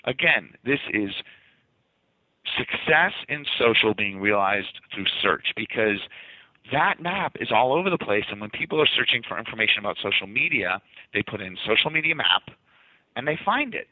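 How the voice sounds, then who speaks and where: A marketing agency owner with a light Boston accent speaks as a guest in his office, eagerly laying out his marketing ideas in casual interview talk and often restarting words, repeating them as he goes. His voice sits at medium pitch with big swings, at a moderate pace. The line sounds tinny and phone-like, dry with no echo.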